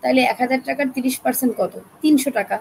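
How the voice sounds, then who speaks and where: A woman with a Bangladeshi accent teaching an online class, chatty and coaxing, keeping her voice soft to spare her throat. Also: high voice, fast, gravelly, a little hiss or hum, low-quality recording. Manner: chatty, coaxing, talks straight to learners.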